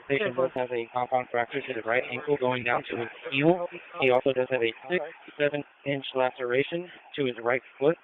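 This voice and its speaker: A man's voice: mid-range voice, steady tone, fairly quick. A male paramedic giving a clipped, matter-of-fact patient report over a police scanner radio. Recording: muffled scanner radio, chatter behind.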